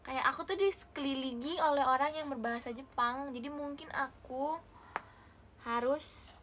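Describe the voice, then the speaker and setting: A woman's voice: high voice, moderate pace, slight background noise. Chatty young Indonesian woman streaming. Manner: chatty, excitable, mixes English phrases. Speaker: idol livestream host. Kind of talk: casual livestream chat with viewers.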